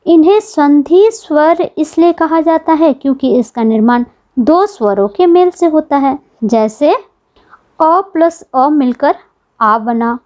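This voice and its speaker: A woman's voice: high voice, darkish tone, lo-fi sound. A woman teaching an exam-prep grammar lesson, patiently repeating key points and asking the class questions.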